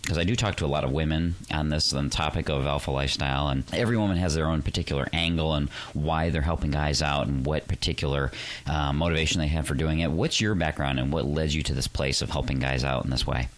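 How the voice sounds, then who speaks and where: A male podcast host, raspy and recovering from flu, talking persuasively and emphatically about dating, then interviewing a guest. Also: extremely low pitch, fast talker. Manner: persuasive, emphatic, rising on key lines.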